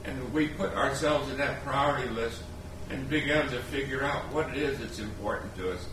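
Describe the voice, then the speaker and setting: A man's voice: mid-range voice, moderate pace. A middle-aged man, a former missionary, telling a reflective story to an audience. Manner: earnest, storytelling. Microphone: distant room mic. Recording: very echoey, distant, hissy.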